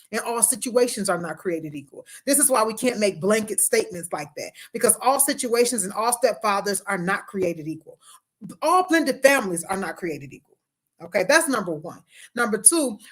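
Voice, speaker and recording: Woman host, speech slightly impeded by a retainer. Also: mid-range voice. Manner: emphatic, conversational, repeats key phrases for effect. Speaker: relationship coach and host. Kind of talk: casual livestream talk.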